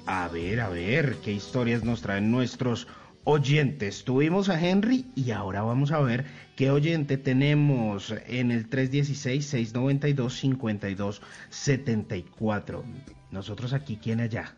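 A man co-hosting a radio show, jokey and lively. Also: medium pitch, a little slow, lo-fi sound, soft background music. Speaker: radio co-host. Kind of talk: casual radio banter.

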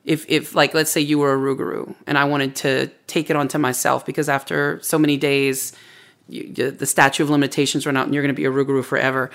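A storyteller with a noticeably gravelly, fry-laden voice speaks as an interview guest. The delivery is casual and conversational, explaining lore in a reflective way. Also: mid-range voice, level tone, quick pace, a bit bright.

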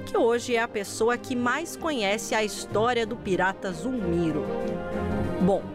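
A woman reporter narrating a documentary story in a lively, scripted storytelling voice. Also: a little high, unhurried. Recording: music playing behind.

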